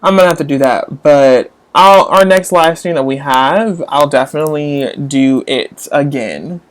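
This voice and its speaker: A man's voice: a little high, a little slow. A young man hosting a casual live stream, chatting with viewers while getting frustrated with his tablet and phone. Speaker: livestream host.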